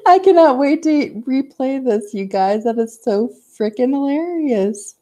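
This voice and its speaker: A woman hosting a casual livestream and chatting with viewers. Her voice comes through a glitchy stream that has sped it up into a high, chipmunk-like squeak. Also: expressive, slow pace, dark tone. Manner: chatty, giggly, talking to viewers. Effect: glitchy stream audio, sped up and high like a chipmunk. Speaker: livestream host reading chat. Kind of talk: casual chat. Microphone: phone.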